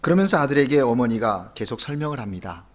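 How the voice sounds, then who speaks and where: A male pastor giving a Sunday sermon, telling anecdotes with quoted dialogue, rising for emphasis and then dropping soft. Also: medium pitch, big pitch swings, quick pace. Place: church sanctuary.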